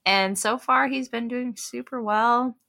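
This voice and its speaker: A slightly high, creaky voice that never hurries belongs to a young woman co-hosting a laid-back podcast. Chatting and storytelling, she performs her children's voices with real animation.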